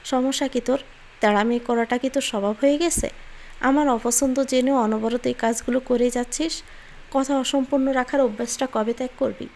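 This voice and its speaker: Audiobook part: woman voicing a curt, stern young lover; scolding, gravelly, slightly high. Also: steady tone, moderate pace, slight background noise. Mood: angry. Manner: scolding, harsh, then quietly solemn.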